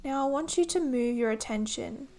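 A woman leading a guided body-scan meditation in a gentle, soothing manner, giving instructions in short, unhurried phrases. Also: a little high, a little hiss or hum.

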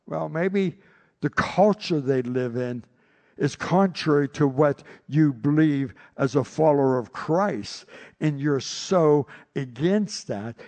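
A male pastor preaching a sermon, telling stories with animated delivery and frequent repeated words. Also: fairly high pitch.

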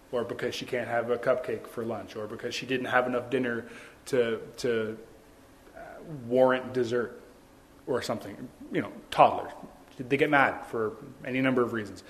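A young man delivers a sermon in a chatty, earnest tone, often restarting phrases and tossing in asides. His voice sits on the high side for a man. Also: a bit bright. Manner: conversational, earnest preaching with frequent restarts and asides. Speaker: pastor.

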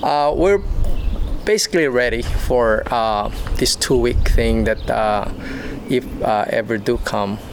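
Gravelly man chatting on the street. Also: mid-range voice, background noise. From Philippines. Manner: halting, many fillers. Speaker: interviewee passerby. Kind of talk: casual street interview. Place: outdoors on a street.

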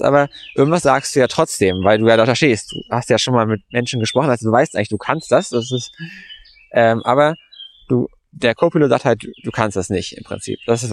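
A man with a mid-range voice hosts a podcast as a meditation coach, with slight background noise behind him. He tells a story casually in slangy, colloquial language, rambling along with lots of fillers and restarts.

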